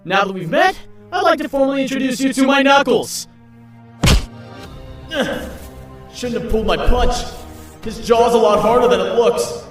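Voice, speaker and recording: A man performs a young, harried superhero from a comic dub, high-voiced and quick to quip. He talks to himself wryly. The sound is distant and swimming in echo, with music underneath. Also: lively intonation. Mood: cocky, joking. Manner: wry, quippy, talks to himself. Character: young male wisecracking superhero, weary and harried. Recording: very echoey, distant, music behind.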